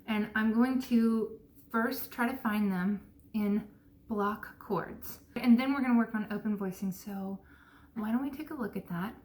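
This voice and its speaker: A woman's voice: medium pitch, unhurried, a little mellow. A woman chatting casually and thinking aloud in a piano practice vlog, her articulation slightly impeded by dental braces. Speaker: video blogger learning jazz piano. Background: piano playing at times.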